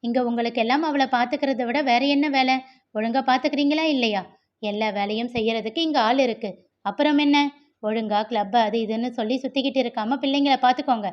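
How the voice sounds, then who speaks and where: A woman voicing a domineering middle-aged uncle who scolds his wife in quick, commanding words. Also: fairly high pitch, highs cut off, lightly acted. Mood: scolding. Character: domineering middle-aged man, head of house.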